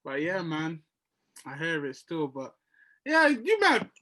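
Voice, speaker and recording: A young man co-hosting a casual podcast chat, animated and laughing, full of slang. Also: on the high side, takes it slowly. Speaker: podcast co-host.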